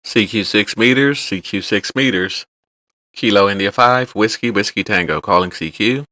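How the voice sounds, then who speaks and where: A man calling CQ over the air as a contesting ham radio operator, reading his call sign in the phonetic alphabet in a loud, sing-song repeated ham radio call. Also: lowish voice, moderate pace, no room sound.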